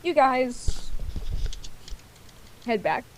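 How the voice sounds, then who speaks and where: A woman with a high voice runs a tabletop game as game master. She narrates slowly and haltingly in a casual way, with clear noise and clicks in the recording. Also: very animated. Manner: halting, improvised.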